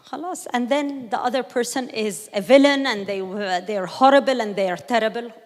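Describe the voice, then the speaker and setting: A woman's voice: on the high side, normal speed, few pauses. A woman leading a talk with an audience, teaching conversationally, acting out quoted voices and putting questions to the room. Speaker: speaker leading a workshop. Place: church hall. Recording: long hall reverb.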